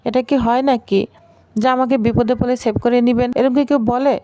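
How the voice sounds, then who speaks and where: A woman's voice: fairly high pitch, fairly even intonation, a little fast, warm tone, no echo, lightly acted. A woman voicing an injured young woman new to the city, explaining and pleading, in a retold serial story.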